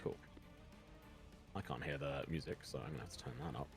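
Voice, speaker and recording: A man with a very low voice narrates a tabletop game as game master, rambling through lots of fillers. His voice sounds a little weak, and faint music plays behind him. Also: steady tone, fairly quick, gravelly. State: slightly weak voice.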